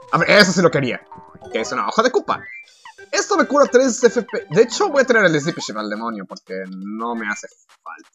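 A man's voice: fairly high pitch, pushed and bright. A man giving casual, crude and sarcastic commentary while playing a video game. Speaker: gameplay commentator.

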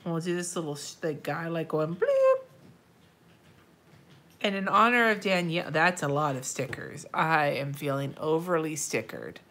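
With a low, sing-song voice and a fairly bright tone, this woman talks at normal speed, sounding stuffy and nasal. Indoors at her desk, she livestreams as she decorates a planner, chatting casually, muttering to herself, engaging with viewers and swearing from time to time.

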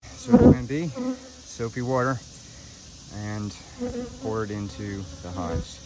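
Male beekeeper, lower voice, matter-of-fact phone vlog outdoors, bees buzzing clearly behind him. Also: wildly swooping pitch, takes it slowly, dark tone, a little hiss or hum, low-quality recording. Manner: plain, matter-of-fact, talking to camera while handling hives. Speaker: beekeeper vlogger. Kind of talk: casual narration while working. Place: outdoor backyard deck. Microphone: phone camera held or nearby. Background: buzzing bees around.

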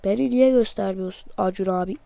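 A man giving excited let's-play commentary, joking and talking to himself as he plays. His voice sounds off because he is sick. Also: high-pitched, a little fast, vocal fry, no echo. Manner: playful, excitable, jokey, talks to himself while playing; self-mocking. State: voice off from being sick. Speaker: gamer, channel host.

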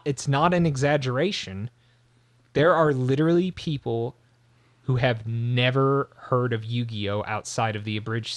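Male host, casual chat, mid-pitched, dry close sound, rambling. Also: no room sound. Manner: animated, rambling, frequent restarts.

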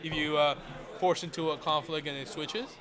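A man gives relaxed, chatty commentary on a card game match, speaking a little high for a man and tossing in quick agreements. He trips over a word now and then. A game store crowd murmurs clearly behind him. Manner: chatty, quick agreeing interjections, some stumbling.

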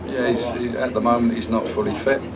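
A middle-aged man, a football manager, answering post-match questions in a measured, subdued way with many pauses. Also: medium pitch, fairly even intonation, distant mic, a loud crowd, rough recording. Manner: measured, subdued, halting with fillers. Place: indoor club room, sponsor wall.

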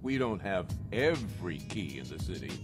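Genial, smug game official: low, slow, lively swoops, music bed. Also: male voice.

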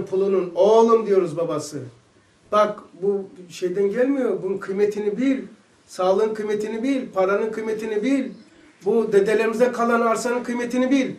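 High-voiced man giving a fervent religious lesson. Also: reverberant. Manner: fervent, fires rhetorical questions and sometimes shouts. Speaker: religious teacher.

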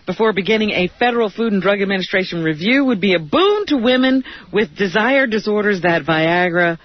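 Female news co-host, brisk and lively, lo-fi radio sound with faint music underneath. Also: medium pitch. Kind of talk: radio news reading with banter.

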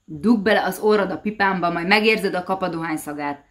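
Egy mogorva, morgolódó halász egy meséből, akit egy nő szólaltat meg. Röviden, kurtán vág vissza, semmi sem hozza ki a sodrából. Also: female voice, on the low side, close to an everyday voice. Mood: gruff. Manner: gruff, curt replies. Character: gruff grumbling middle-aged fisherman, unflappable.

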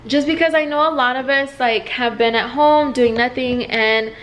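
A woman's voice: sits high, moderate pace, fairly bright tone, a little hiss or hum. A woman in her twenties talking casually to a handheld camera at home, rambling and chatty. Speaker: vlogger. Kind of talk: casual vlog talk to camera. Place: home living room, indoors. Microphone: camera held at arm's length.

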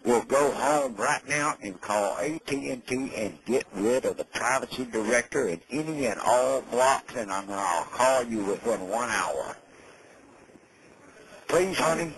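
A man's voice: medium pitch, lively intonation, measured pace, a bit bright, slight background noise. A man on a recorded jail phone call, speaking urgently and insistently as he gives instructions. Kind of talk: private phone conversation.

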